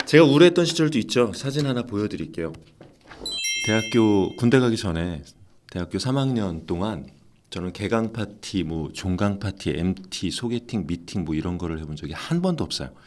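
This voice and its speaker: A middle-aged man, a voice actor who runs an acting academy, answering interview questions in a casual way and acting out the lines he quotes. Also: low voice. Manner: animated storytelling, acts out quoted lines.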